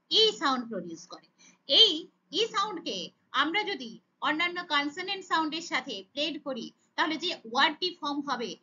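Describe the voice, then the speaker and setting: A woman's voice: high-pitched, pushed and bright, highs cut off. A woman teaching children phonics, sounding out letters and blending them into words, checking in with "okay?" after each step. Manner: sounds out letters then blends, asks rhetorical questions with "okay?".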